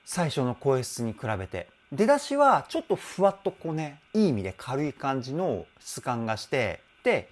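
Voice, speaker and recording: A male vocal coach breaks down a song's vocals, his pitch swooping wildly from low to high as he explains. He is enthusiastic and exclaims often, then turns polite and apologetic in quick asides. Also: darkish tone. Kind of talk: song reaction and vocal analysis.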